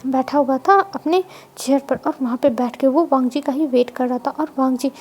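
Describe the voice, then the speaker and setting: A woman's voice: high voice, fairly even intonation, moderate pace, dark tone, breathy edge. A woman casually retelling a fanfiction story, chatting to listeners as friends. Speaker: fanfiction narrator.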